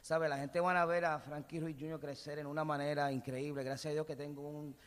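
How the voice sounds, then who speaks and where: A man with a fairly high voice talks earnestly, stopping often on fillers. His voice carries a long studio reverb. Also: level tone. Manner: halting, many fillers, earnest. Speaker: guest singer. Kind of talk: casual radio interview.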